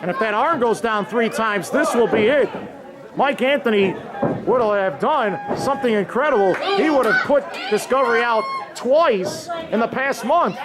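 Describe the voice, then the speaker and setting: A man giving excitable, emphatic live play-by-play commentary on a wrestling match. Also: very high-pitched, moderate pace. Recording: very noisy live event, loud crowd.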